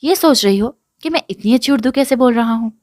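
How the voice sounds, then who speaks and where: A playful young man courting with soft coaxing words, as a woman reads him, lifted a little in pitch, in a dry close room with no echo around the voice, and delivered in an easy storybook reading. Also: lightly acted. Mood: teasing. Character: young man, confident and teasing suitor.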